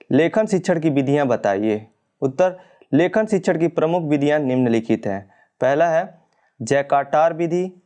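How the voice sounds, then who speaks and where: Man reading exam answers with a mellow voice. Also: on the high side. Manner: explains step by step, corrects the printed answers. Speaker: teacher. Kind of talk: exam-prep lesson reading questions and answers.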